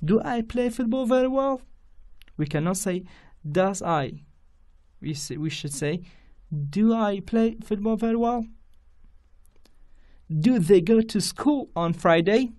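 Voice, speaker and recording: Kurdish guy teaching english grammar, slow and careful, says every example twice. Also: high-pitched, animated, a little mellow. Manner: repeats each example sentence slowly and deliberately. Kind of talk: grammar lesson for students.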